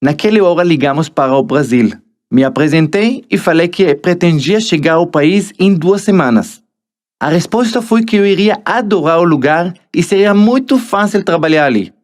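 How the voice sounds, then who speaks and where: A man's voice: fairly high pitch, animated, normal speed. Israeli man narrating his motivational audiobook. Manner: motivational, addresses the listener directly. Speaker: author narrating his own book.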